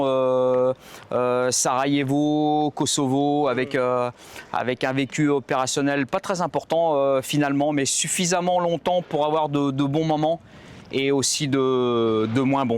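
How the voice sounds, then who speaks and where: A man's voice: mid-range voice, smooth. Hesitant French ex-commando man. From central France. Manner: hesitant, many fillers and restarts. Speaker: former navy commando instructor. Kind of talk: recorded portrait interview. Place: outdoors at a harbor site.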